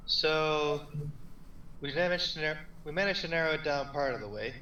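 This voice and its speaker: Bright-voiced man playing a tabletop game. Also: fairly high pitch, normal speed, highs cut off, slight background noise. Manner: hesitant, with fillers and restarts. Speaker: player. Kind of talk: in-character tabletop play.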